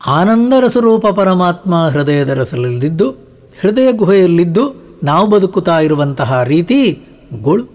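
A man giving a spiritual discourse, now and then chanting verses and gently addressing the listener. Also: high-pitched, very animated, unhurried. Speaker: spiritual teacher. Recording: long hall reverb.

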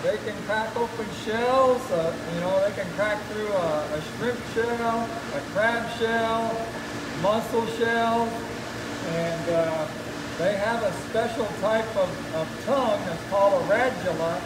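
High-voiced man through a face mask, noisy room. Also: takes it slowly. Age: middle-aged. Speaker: aquarium animal keeper and guide. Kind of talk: casual educational live talk. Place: noisy indoor aquarium work room. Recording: noisy pump-filled room with loud hum.

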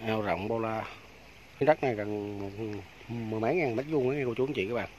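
Filming on his phone as he walks viewers around a farm, this vlogger talks quickly in a lowish, somewhat dark voice. He's chatty and casual, repeatedly greeting his audience as aunts, uncles and friends, outdoors by the fish ponds of a rural farm, with a bit of background noise.

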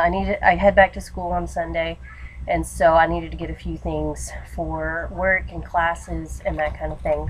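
A woman's voice: on the low side, poor audio. A woman in her twenties with a congested, stuffy nose from allergies, chatting casually and informally in a haul vlog. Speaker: vlogger, education student. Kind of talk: casual haul video chat. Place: small lamp-lit room at home. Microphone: webcam or laptop mic at desk distance. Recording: webcam recording with background room noise. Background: noise, TV in the background.

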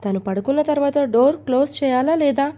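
Storybook husband, young and sulky, grumbling and reproachful, read by a woman in her own mellow voice. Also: sits high, fast, natural voice.

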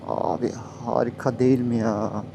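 A man's voice: mid-range voice, flat delivery, normal speed, creaky. A man from Turkey talking casually and playfully to himself as a motovlogger out on a ride. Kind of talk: casual vlog chat. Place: outdoors, riding a motorcycle. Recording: loud vehicle and outdoor noise.

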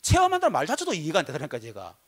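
A male pastor preaches in church, his voice riding a little high. His delivery is hugely animated, leaping from loud outbursts to muttered low asides as he tells his story. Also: very fast. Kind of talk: sermon. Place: church sanctuary.

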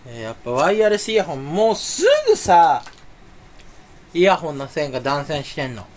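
Here a young YouTuber talks alone to camera at a moderate pace, his voice a little high and animated. Candy in his mouth, he rambles along, muttering jokes at his own expense and erupting into sudden loud outbursts.

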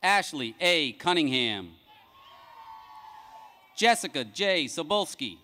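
Male ceremony announcer, bright, fairly high voice, formal measured name-reading over an outdoor PA. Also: sing-song, some chatter behind, slight background noise. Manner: measured, announcing each name with a rising then falling cadence. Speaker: commencement name reader. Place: large outdoor graduation ceremony.

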